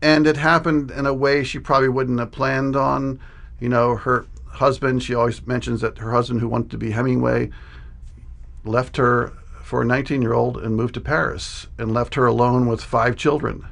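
A man's voice: mid-range voice, little pitch movement, normal speed, gravelly. A man in his sixties speaking casually as an interview guest, sharing recollections. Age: 60s.

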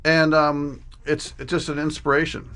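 A man's voice: fairly high pitch, completely flat delivery, moderate pace, bright, forceful tone, a little hiss or hum. A man in his sixties speaking casually as an interview guest, sharing recollections. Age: 60s.

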